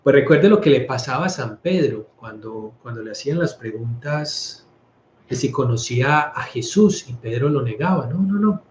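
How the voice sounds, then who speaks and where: Colombian priest giving a roomy, conversational talk. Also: male voice, medium pitch, normal speed, a little hiss or hum. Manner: conversational, stumbles and restarts words. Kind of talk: informal scripture talk. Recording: roomy, slightly dull recording.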